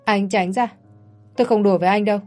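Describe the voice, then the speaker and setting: A woman reading as a scared young maid, timid, polite, pleading, mellow voice, faint music. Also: medium pitch, steady tone, quick pace, close to an everyday voice.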